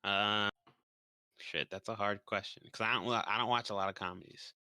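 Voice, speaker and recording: A man's voice: lowish voice, fairly even intonation, moderate pace, sharp tone, no room sound. A man co-hosting a podcast in casual chat over an online voice call, with a dry sense of humor and plenty of swearing. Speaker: podcast co-host.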